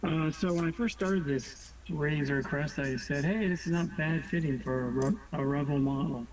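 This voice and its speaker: A man with a fairly high voice talks in a casual, conversational way. He speaks as one of a group in a loose podcast chat. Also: moderate pace, crowd noise, poor audio. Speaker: podcast regular.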